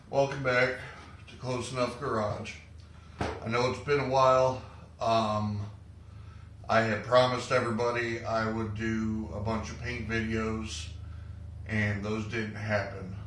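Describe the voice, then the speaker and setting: A man hosting his garage channel, talking plainly and haltingly with fillers, audibly short of breath. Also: on the low side, level tone, fairly bright tone, echoey room, distant mic, slight background noise, low-quality recording. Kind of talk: casual vlog update. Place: home garage.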